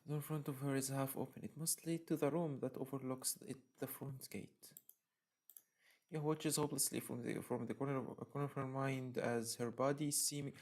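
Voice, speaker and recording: A man's voice: mid-range voice, fairly even intonation, fairly quick, a little mellow. A man reads a horror visual novel aloud on his stream, lingering over the narration. He breaks into emotional outbursts between passages, in an ordinary mid-range voice. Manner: dramatic reading mixed with emotional outbursts. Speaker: game streamer.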